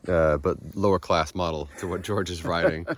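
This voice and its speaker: An American man speaking as a guest on an outdoor bike trip video, talking in a thoughtful, wry, soft-spoken way. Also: sits low, fairly even intonation, normal speed, no echo. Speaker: guest and local guide on the ride. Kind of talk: casual outdoor chat. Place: outdoors by a lake.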